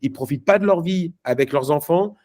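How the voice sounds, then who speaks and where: A man's voice: a little high, a little fast, a little mellow. Punchy man giving a motivational talk. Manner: punchy, emphatic, addresses the crowd directly; many fillers and restarts, casual slang. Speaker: motivational speaker at a network marketing event. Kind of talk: live motivational talk to an audience.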